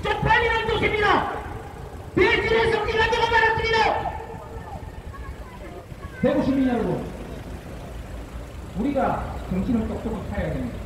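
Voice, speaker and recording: A man with a Daegu Gyeongsang accent giving a fiery political rally speech outdoors, shouting slogans and firing rhetorical questions at the crowd. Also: extremely high pitch, sing-song, normal speed, long pauses. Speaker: rally speaker. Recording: echoey outdoor street, long reverb, faint noise.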